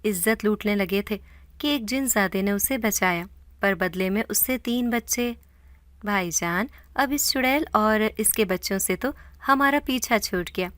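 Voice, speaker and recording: A woman narrating a scripted horror story in a dramatic, steady way. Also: medium pitch, dry recording.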